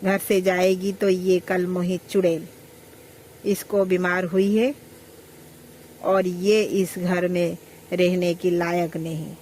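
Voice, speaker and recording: A woman's voice: lowish voice, level tone, takes it slowly, long pauses, a little mellow, slight background noise, rough recording. A woman voicing a partial, bossy mother-in-law who scolds one daughter-in-law and dotes on the other. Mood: coaxing.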